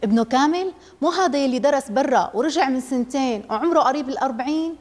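A woman's voice: on the high side, animated, quick pace, a little mellow, lightly acted. A woman voicing a worried, protective middle-aged mother who speaks indignantly. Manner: indignant, pleading. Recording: long hall reverb.

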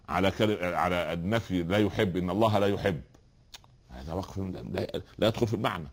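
A man with an Egyptian Arabic accent giving a spoken religious lesson, explaining with rhetorical questions and repeated examples. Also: lowish voice. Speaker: religious teacher. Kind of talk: spoken lesson on Quran recitation.

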